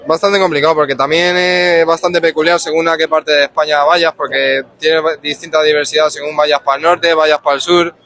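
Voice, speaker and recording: A young man from Spain, answering street interview questions in a calm, measured way. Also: fairly high pitch. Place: outdoors on a street.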